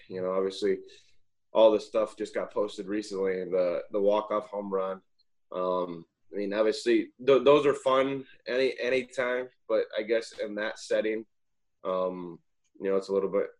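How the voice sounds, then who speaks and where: A young man with a fairly low voice recounts old games as an interview guest. He rambles, backtracks and corrects himself, keeping the talk loose and conversational. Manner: rambling, self-correcting anecdotes. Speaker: former college pitcher, guest. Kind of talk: casual interview storytelling.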